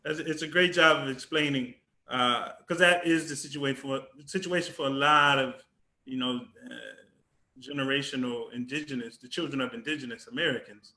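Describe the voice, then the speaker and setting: A man's voice: medium pitch, fairly even intonation, normal speed, bright, forceful tone, reverberant. A man hosting a casual conversation who speaks in an encouraging, thoughtful way.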